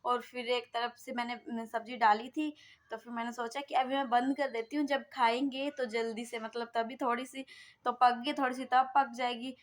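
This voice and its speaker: A woman's voice: on the high side, level tone, moderate pace. A young woman from Himachal Pradesh telling a casual vlog story about caring for her baby, rambling with many fillers and restarts. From Himachal Pradesh, India. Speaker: vlogger mother.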